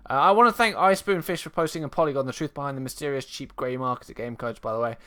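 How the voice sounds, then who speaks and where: A young man hosting a live stream, chatting casually, laughing often, with sudden loud bursts. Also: medium pitch, fast. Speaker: stream host.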